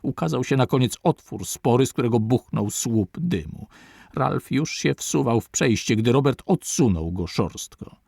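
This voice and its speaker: Sex: man. Role: audiobook narrator. Style: measured reading of a classic adventure novel. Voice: gravelly, mid-pitched. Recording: dry, close. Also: animated, darkish tone, dry recording.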